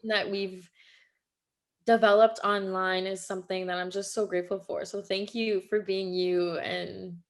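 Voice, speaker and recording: An earnest woman from Quebec, Canada, whose first language is French, appears as a guest on a casual podcast interview. Her medium-pitched voice stays level, and her heartfelt speech is halting and full of fillers.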